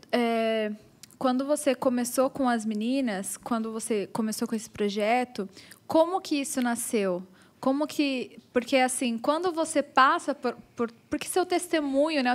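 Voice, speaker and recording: A woman hosting a podcast, asking a guest friend questions in a relaxed, halting way with restarts. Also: fairly high pitch. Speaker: podcast host. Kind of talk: casual interview chat.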